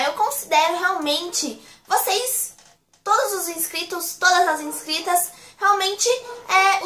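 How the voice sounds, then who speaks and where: A young woman from Brazil with a Brazilian Portuguese accent, chatting to camera as a vlogger in a gushing, excitable way, repeating words for emphasis. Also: very high voice, echoey room, slight background noise. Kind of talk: casual chat to camera.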